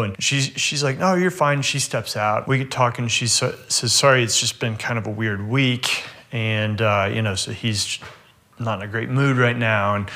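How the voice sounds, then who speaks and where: Candid business owner, a man, earnest and reflective, mid-pitched voice, sharing a personal story with his team. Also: fairly bright tone. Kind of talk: heartfelt personal storytelling talk.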